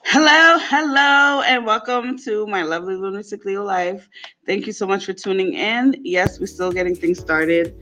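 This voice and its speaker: A woman hosting a casual after-hours chat show in a playful, unfiltered way, often quick to laugh. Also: mid-range voice, fairly bright tone, slight background noise. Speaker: talk show host.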